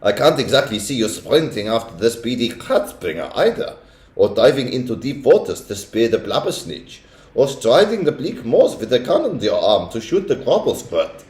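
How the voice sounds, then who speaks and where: A man voicing a domineering female witch leader with a shrill, theatrical voice. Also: sing-song, normal speed, darkish tone, roomy sound, close to an everyday voice. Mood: imperious.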